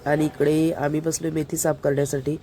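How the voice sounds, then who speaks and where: A woman's voice: low voice, level tone, fairly quick, warm tone, a little hiss or hum. A woman chatting casually to her viewers, showing them around her home. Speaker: family vlogger. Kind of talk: casual vlog narration. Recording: background music over the voice.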